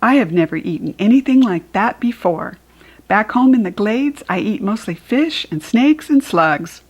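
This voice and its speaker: A woman voicing a big, hungry, demanding female alligator in an animated storytime voice for a children's book. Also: mid-range voice, normal speed, breathy edge, highs cut off. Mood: satisfied.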